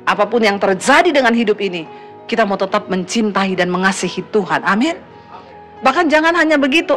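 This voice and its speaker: A middle-aged woman pastor preaching a sermon, emphatic, swinging between loud exhortation and hushed asides, and acting out the people she quotes in a raised voice. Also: high voice.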